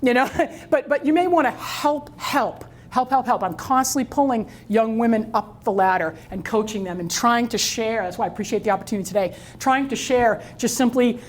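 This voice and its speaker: A middle-aged woman giving a storytelling talk to an audience, speaking in a lively way and often repeating words as she restarts. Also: fairly high pitch, normal speed, few pauses, slight background noise. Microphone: wireless mic that drops out.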